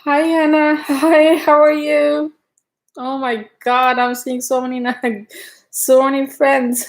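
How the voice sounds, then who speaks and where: A middle-aged woman chatting casually on a livestream, greeting viewers by name and talking haltingly with restarts. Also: high voice, flat delivery, poor audio. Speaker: livestream host.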